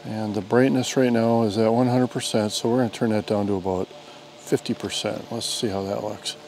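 A man in his fifties with an American accent demonstrates and reviews a drone outdoors on an open lawn, explaining things plainly and conversationally. His voice is on the low side and slightly mellow, steady and a bit fast. The audio is poor, with background noise from the outdoor setting.

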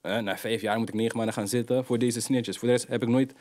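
A young adult man, a rapper guest telling street stories in animated, slang-heavy casual talk. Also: mid-range voice, fast talker. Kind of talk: casual interview storytelling.

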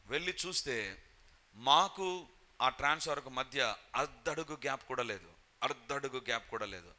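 Bright-voiced preacher telling a story. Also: male voice, mid-range voice, animated, moderate pace. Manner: storytelling, acts out shouted quotes. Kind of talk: sermon testimony.

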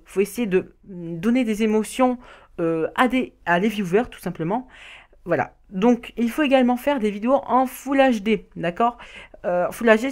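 A woman's voice: medium pitch, darkish tone. Hesitant stumbling woman reading tips. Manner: hesitant, stumbling, restarts and laughs at own slips. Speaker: YouTuber giving beginner tips. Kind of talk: casual tutorial voice-over read from notes. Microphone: home recording mic.

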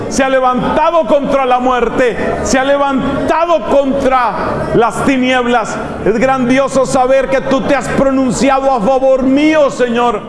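A man leading a retreat in impassioned spoken prayer, repeating calls of praise and at times rising to shouts. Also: very high voice. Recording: echoey hall with music and crowd.

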